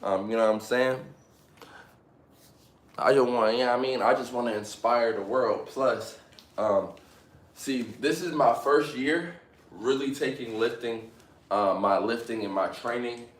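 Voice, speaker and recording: This man, in his late twenties, talks casually on a live stream in a mid-range voice, pacing himself carefully and pausing often. His advice is motivational, and he tends to repeat phrases, dropping fillers such as "you know what I'm saying." The sound is roomy.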